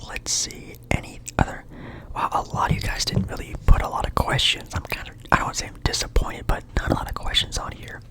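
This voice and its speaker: A young man from Portland whispering a relaxed, rambling ASMR chat in his apartment. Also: quick pace, poor audio. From Portland, Oregon, USA. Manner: soft rambling whisper, friendly and chatty. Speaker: ASMR creator.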